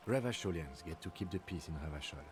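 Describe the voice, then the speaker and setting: A man voicing a calm, formal police lieutenant who speaks in a measured, precise and courteous way. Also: low voice. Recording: game audio with clear background noise.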